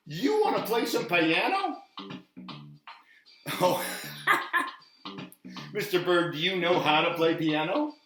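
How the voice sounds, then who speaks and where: A man hosting a children's show, chatting playfully with lots of giggles and reading a storybook aloud. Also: fairly high pitch. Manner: giggly, talks to kids. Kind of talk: playful kids' show chat and read-aloud. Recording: roomy echo, faint music.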